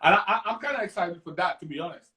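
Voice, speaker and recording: A man's voice: high voice, animated, fast, bright, forceful tone, rough recording. A man from Trinidad and Tobago, a musician guest talking in a playful, enthusiastic, casual interview chat over a phone live stream. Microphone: phone on a live video stream.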